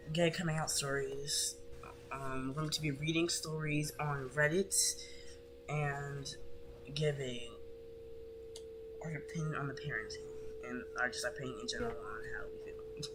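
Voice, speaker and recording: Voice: mid-range voice, normal speed, long pauses, loud music behind the voice. A livestream co-host chatting casually, candid and chatty, who stumbles over words while reading stories aloud. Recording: noisy stream recording.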